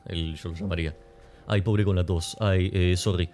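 Low-voiced young man streaming with a cough. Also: steady tone, normal speed, darkish tone. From Spain and Argentina. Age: young adult. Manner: rambling, joking, answering chat. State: persistent cough. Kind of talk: casual gameplay commentary, reading chat. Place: home streaming room. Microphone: desk mic near webcam. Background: game music.

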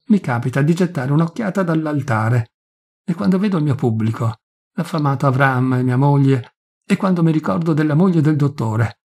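A man's voice: a little high, darkish tone, slightly rough. A man doing a poor, ashamed village priest. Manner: pleading, tormented, self-accusing.

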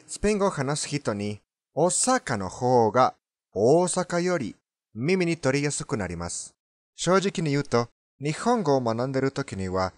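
Guy breaking down pronunciation in japanese, bouncy pitch, dry close sound. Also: no room sound. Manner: explains slowly, repeats words to model pronunciation. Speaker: Spanish tutor commenting on a learner. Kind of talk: casual language lesson commentary.

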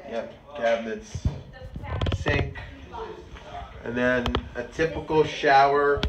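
In a casual handheld vlog, a young man with a cold walks through his small city apartment, speaking slowly at a medium pitch in a stuffed-up, nasal voice. He rambles, fixes his own words and cracks offhand jokes, all on a noisy phone recording.

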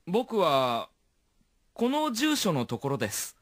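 A man voicing Leo, a polite young man in a language-lesson dialogue. He reads courteous phrases and model sentences slowly and carefully for learners. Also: fairly high pitch, wildly swooping pitch, no room sound, clean studio sound.

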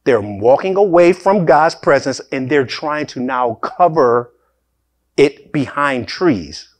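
A pastor preaching a sermon in an animated way, with sudden emphatic rises and laughing asides, speaking. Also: male voice, on the high side, slow.

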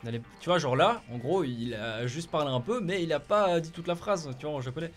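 Chatty French-speaking gaming host, fairly high. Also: male voice, lively intonation, a little fast. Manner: hesitant, chatty, restarts often. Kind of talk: let's play commentary.

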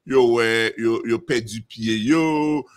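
A man's voice: mid-range voice, slow pace. A man from Haiti with a Haitian accent, talking emphatically in a casual discussion and often repeating and restarting phrases.

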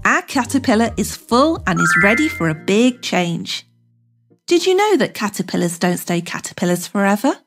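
A woman's voice: mid-range voice, sing-song, moderate pace, over loud music. A woman speaking as a kids show host, narrating an educational script for young children with simple, encouraging phrases and questions to the viewer.

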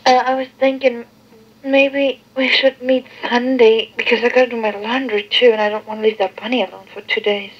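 A woman's voice: level tone, a little fast. A woman chatting casually on a phone call, recorded on an old worn answering machine tape. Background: played back through a cassette boombox.

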